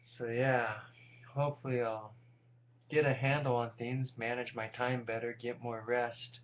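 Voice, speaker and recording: A man's voice: mid-range voice, level tone, measured pace. A tired, sleep-deprived man in his forties talking casually and candidly to viewers in a rambling, self-deprecating monologue. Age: 40s. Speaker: vlogger. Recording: dull lo-fi audio with loud hum.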